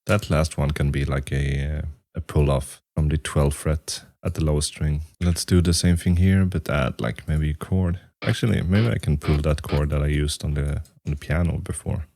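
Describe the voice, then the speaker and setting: A man's voice: steady tone, moderate pace, mellow, no room sound, clean studio sound. A man composing a metal song on his computer, talking through each step and humming out rhythms. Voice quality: very deep, gravelly voice. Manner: thinking aloud, humming and scatting rhythms. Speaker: musician and YouTuber. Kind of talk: casual talk-through while composing.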